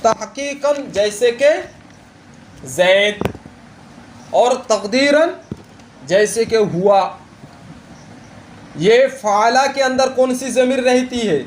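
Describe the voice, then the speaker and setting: A male teacher with a very high voice leads a classroom lesson at an unhurried pace. He stops often to quiz his students and repeats each term. A faint hiss sits under the recording. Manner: slow, repeats key terms and asks the students questions. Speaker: religious teacher. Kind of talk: classroom lesson on Arabic grammar.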